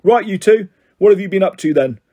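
A man voicing a gruff, bullying middle-aged male desk sergeant who talks sternly and loudly. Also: sits high, expressive, a little fast, pitched above the performer's own voice. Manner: pompous, stern, loud.

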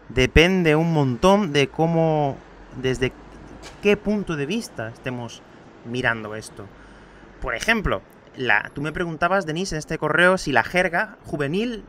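A man's voice: on the high side, lively intonation, a little slow, fairly bright tone, slight background noise. A man from Andalusia with a light Spain Spanish accent, teaching a podcast lesson and patiently explaining while addressing the listener directly, recorded on his outdoor home terrace. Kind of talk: podcast lesson answering student questions.

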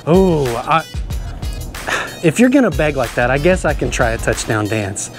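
A middle-aged man hosting a kids' show with bubbly, exclamatory energy. His pitch swoops widely up and down as he cheers and laughs. Soft music plays behind him. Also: sing-song, normal speed. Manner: enthusiastic, exclamatory, laughs often. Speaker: children's show host. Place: stadium locker room and football field.

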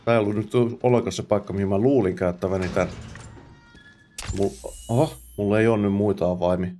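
Man muttering through a let's play, fairly low voice, casual self-talk, faint music behind. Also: fairly even intonation, warm tone. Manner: chatty self-talk, mutters while playing; drops English exclamations and curses. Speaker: gamer host.

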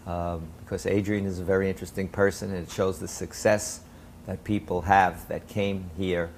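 An older man hosting a local cable talk show from a small studio, speaking in a formal, measured way with frequent "uh" fillers. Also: deep voice, flat delivery, a little mellow, slight background noise.

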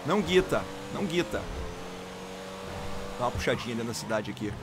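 A young adult man with a Brazilian Portuguese accent, giving casual, jokey game commentary with sudden loud exclamations. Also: medium pitch, lively intonation, fairly quick. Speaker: gameplay commentator. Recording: loud game car noise behind voice.

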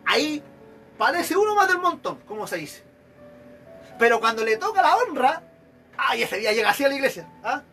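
Speaking at normal speed with long pauses, this very high-pitched man delivers an evangelical sermon in Chilean Spanish. He stays animated, playing out examples of churchgoers, while faint music runs in the background.

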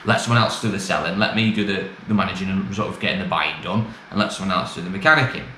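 Speaking to camera from a small, bare, echoey office with clear background noise, a middle-aged British used car dealer and vlogger rambles through a casual, matter-of-fact update in everyday language. His voice is low, quick, pushed and bright.

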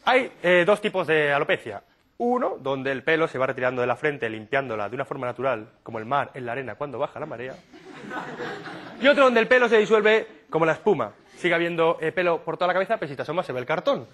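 A man from doing a stand-up comedy monologue, telling absurd stories in a deadpan way and slipping into quick silly impressions. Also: on the high side. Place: comedy stage before a live audience.

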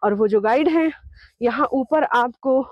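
A woman's voice: on the high side, measured pace, dry recording. A woman in her forties in a casual travel vlog, explaining tips to viewers outdoors. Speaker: travel vlogger. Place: outdoors on a mountain meadow. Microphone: camera held at arm's length. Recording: dry, slightly dull camera audio.

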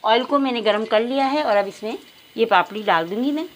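A woman hosting a home cooking channel, explaining each step calmly to her viewers. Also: a little high, a little fast, rough recording. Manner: addresses viewers as "nazreen" again and again, calm instructive. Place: home kitchen.

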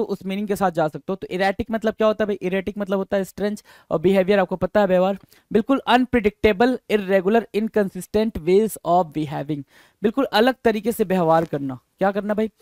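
A man teaching English vocabulary in a Hindi-English lesson, repeating each term and quizzing his listeners, drawing out the English words slowly. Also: high-pitched, a little mellow, dry recording.

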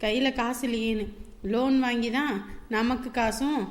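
An actress playing a sister-in-law who scolds and explains at length in a reproachful tone. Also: female voice, on the high side, steady tone, moderate pace, lightly acted. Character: sister-in-law, stern and lecturing.

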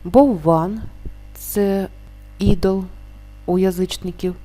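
Mellow-voiced woman teaching spelling rules. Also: medium pitch, steady tone. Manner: explains rules slowly, stretching example words. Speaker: language teacher. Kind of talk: spelling lesson.

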